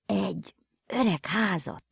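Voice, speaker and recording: A woman's voice: mid-range voice, vocal fry, breathy edge, no room sound, clean studio sound, pitched above the performer's own voice, full character voice. A woman voicing a frightened little girl who eagerly tells a story in a storybook reading.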